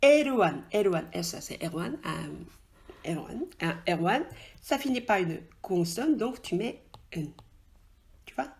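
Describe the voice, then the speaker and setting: A woman's voice: mid-range voice, lively intonation, slow pace, creaky. A woman teaching a casual lesson at a board, chatty and informal, often checking whether the learner follows. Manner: chatty and informal, addresses the learner directly, frequent "tu vois?" and hesitations. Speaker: Korean language teacher. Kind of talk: casual spoken lesson, explaining at a whiteboard.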